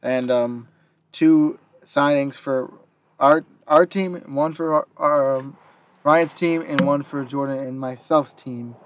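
A young man hosts a casual sports chat at an even, mid-range pitch. He reads quotes aloud, then adds his own take with small pauses and fillers. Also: slight background noise. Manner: reads out quotes, then gives opinions with hesitations. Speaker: podcast host.

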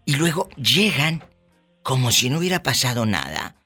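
A man's voice: mid-range voice, big pitch swings, normal speed, pushed and bright, husky, soft background music. A man with a Mexican accent hosting a comedy podcast, flamboyant, teasing and gossipy. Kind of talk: comedic radio-style hosting.

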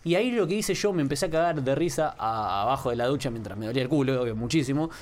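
A man's voice: medium pitch, fast, slight background noise. A man with an Argentine accent, a podcast co-host who tells stories in casual conversation and swears freely. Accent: Argentine Spanish. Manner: animated storyteller, swears casually.

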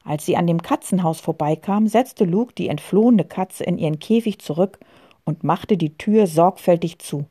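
A woman calmly reading a children's story aloud. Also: on the low side, moderate pace, husky. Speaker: narrator.

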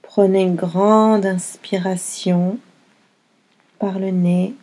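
With a mid-range voice and a level tone, a woman leads a yoga nidra meditation. She speaks gently and without hurry, offering soothing instructions in short phrases separated by long pauses.

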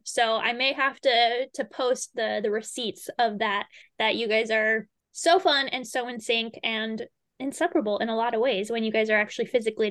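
A woman hosting a podcast, chatty and enthusiastic as she introduces her guests. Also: on the high side. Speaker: podcast host. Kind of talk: warm conversational podcast hosting.

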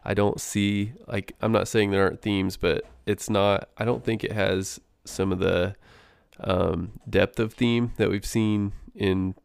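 Male co-host, low gravelly voice, easygoing with fillers, dry close mic. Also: flat delivery, a little slow, dry recording. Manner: easygoing, uses sports comparisons, many fillers. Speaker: podcast co-host. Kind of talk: casual podcast discussion.

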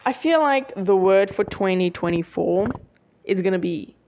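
A woman's voice: medium pitch, expressive, normal speed, dark tone, slight background noise. Chatty young woman podcaster. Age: young adult. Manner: chatty, rambling, lots of fillers and self-corrections. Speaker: podcast host. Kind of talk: casual solo podcast chat.

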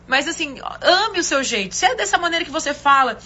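Loud, forceful woman pastor. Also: sits high, big pitch swings, fairly quick, muffled recording. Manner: loud, forceful, talks with her hands. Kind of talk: casual devotional talk.

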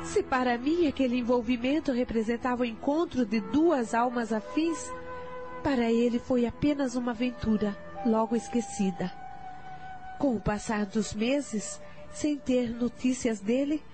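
A calm mother in her thirties with a hard past, played by a woman, confessing her story in a slow, measured way. Her voice sits a little high, and faint music plays underneath. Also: close to an everyday voice. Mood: confiding. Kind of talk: radio drama storytelling.

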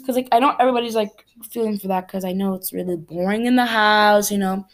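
Talking quickly in a mid-range voice, a Cameroonian teen runs her podcast alone, her chat loose, wandering and sincere.

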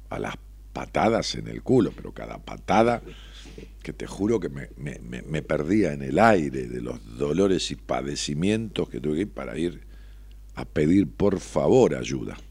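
A middle-aged man with an Argentine accent giving a reflective motivational monologue, expressive and salty, always tossing in tag questions. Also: rumbling low, slightly rough, no echo. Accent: Argentine Spanish.

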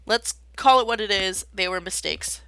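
A woman hosts her own show and chats loosely about music, with plenty of ums and asides. Her voice is bright and forward. The sound is dry and close, with no room around it. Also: medium pitch, moderate pace, creaky, clear, resonant tone, no echo. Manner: rambling, many fillers. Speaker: podcast host and amateur pianist. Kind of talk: casual solo chat.

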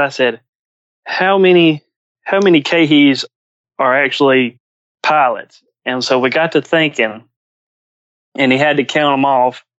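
A man chatting casually as an interview guest, speaking in halting phrases with frequent pauses. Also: mid-range voice, a bit bright, clean tone, no room sound, dull audio. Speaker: podcast guest, agricultural pilot.

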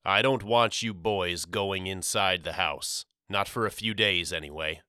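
A worried widowed father with a terse, mumbling way of speaking, read by a male narrator in an audiobook. His voice sits a little low and comes across bright and clean. The recording is dry and close. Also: measured pace, smooth, dry recording. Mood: stern. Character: frightened, stern widowed father of three boys. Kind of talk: audiobook character voice.

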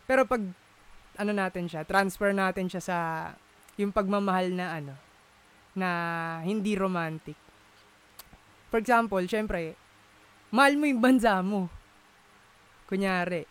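Man, high voice, casual conversation, thinking out loud, code-switching. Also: a little slow, pauses often, clear, resonant tone. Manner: searching for words, many fillers, Taglish code-switching.

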